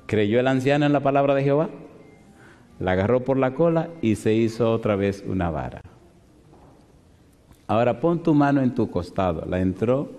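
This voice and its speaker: A male pastor giving a lively sermon, constantly asking the congregation questions. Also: mid-range voice. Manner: animated, asks the congregation frequent rhetorical questions. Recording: long hall reverb.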